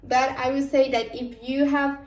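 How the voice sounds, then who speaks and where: A woman's voice: high voice, little pitch movement, unhurried, noisy background. A young woman from Spain with a Spanish accent, chatting casually in a cooking vlog and repeating herself for emphasis. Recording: echoey room, a bit far from the mic.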